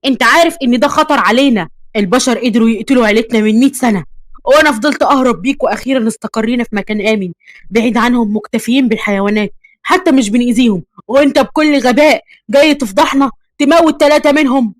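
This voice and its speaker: A woman's voice: a little high, rapid-fire, no room sound, close to an everyday voice. A woman voicing an angry, scornful male vampire father who scolds his son, in an Egyptian accent. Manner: scolding, sarcastic.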